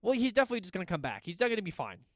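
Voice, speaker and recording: A male co-host of a casual horror podcast chats in a playfully grumpy way, cursing frequently. He races through his words in a high voice whose pitch swoops wildly, and the recording has no echo.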